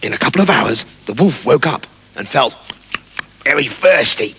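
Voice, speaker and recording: A man's voice: medium pitch, expressive, moderate pace, a bit bright. A man telling a fairy tale with comic, mock-dramatic asides. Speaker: storyteller.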